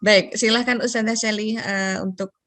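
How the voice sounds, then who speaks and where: A woman moderates an online question round in a polite, easygoing way, reading questions aloud with many small hesitations. Her voice is mid-pitched and sounds dry and close, with little room around it. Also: steady tone, moderate pace, a bit bright, dry recording. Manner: polite, reads out questions, filler-heavy.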